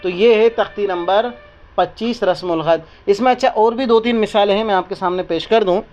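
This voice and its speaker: A man teaching Quran reading step by step, asking questions and repeating each word slowly for the listener. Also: sits high, darkish tone, lo-fi sound, faint music behind. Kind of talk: step-by-step lesson with call-and-response questions.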